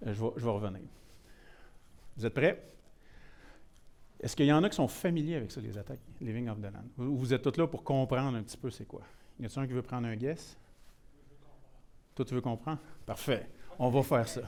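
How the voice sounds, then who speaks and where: A man's voice: mid-range voice, normal speed, pauses often, darkish tone. A man with a Québécois accent giving a technical security workshop, casual and self-deprecating, with many restarts and English words mixed in. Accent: Québécois French. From Quebec. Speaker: presenter.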